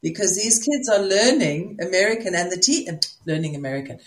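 A woman's voice: fairly low pitch, animated, a little fast. Reflective South African woman. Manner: reflective, searching for words. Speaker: spiritual teacher. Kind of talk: casual conversation.

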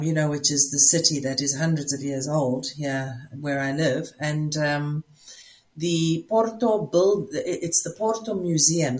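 This South African woman speaks in a low, slightly mellow voice, musing casually as a spiritual teacher and pausing often while she gathers her words.

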